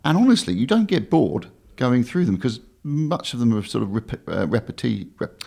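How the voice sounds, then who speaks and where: A man's voice: medium pitch, sing-song, moderate pace, vocal fry, darkish tone. A British man co-hosting a casual car podcast, talking in an exclamatory way and often interrupting himself. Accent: British English. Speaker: podcast co-host.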